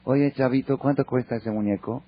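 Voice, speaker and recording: A man's voice: mid-range voice, fairly even intonation, moderate pace, lightly acted. A man voicing an earnest, naive old woman of eighty in a told story. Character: old woman of eighty, a simple idol buyer. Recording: dull lo-fi recording.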